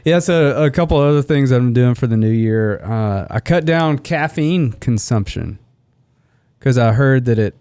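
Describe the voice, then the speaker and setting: A man's voice: mid-range voice, animated, moderate pace, mellow, smooth, dry recording. A man in his forties, co-hosting a podcast, talking in an easygoing, reflective way and laughing often. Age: 40s. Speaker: podcast host. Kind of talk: casual chat.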